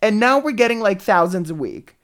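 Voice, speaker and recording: Campy rambling man in his forties, animated. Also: high voice, fairly quick. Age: 40s. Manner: campy, rambling, mock-serious. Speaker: podcast co-host. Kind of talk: casual chat.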